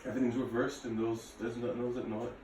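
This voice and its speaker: A man's mid-range, darkish voice stays level as he moves at a quick pace through relaxed workout instruction to camera. He's a late-30s martial arts and fitness instructor, recorded on a distant mic in an echoey room with faint noise.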